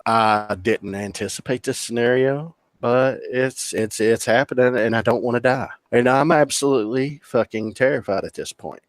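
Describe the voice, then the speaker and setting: A man's voice: medium pitch, normal speed, few pauses, no echo. A man in his thirties, a podcast guest, telling a personal story in a blunt, profane, earnest way. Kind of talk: casual storytelling interview.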